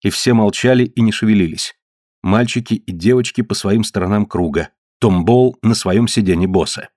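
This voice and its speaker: A man's voice: fairly low pitch, a little mellow, no room sound. Man reading a story aloud, dry sound. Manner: measured storytelling. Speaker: audiobook narrator. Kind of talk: scripted narration.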